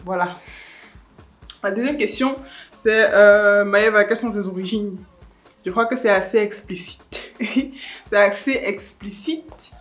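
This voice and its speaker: A woman's voice: mid-range voice, a little slow, pauses often, faint music behind. A woman, chatting casually through viewer questions in a teasing, laughing way. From Cameroon. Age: 20s. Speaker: YouTuber. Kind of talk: casual vlog Q&A.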